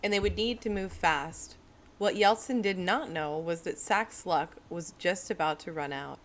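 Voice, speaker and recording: A woman's voice: lowish voice, unhurried. A woman streamer reading a book aloud, with joking, self-deprecating chat breaking in between passages. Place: home streaming setup.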